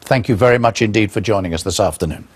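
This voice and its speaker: A man presenting the news and interviewing a guest with polite, measured questions. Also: lowish voice, breathy edge.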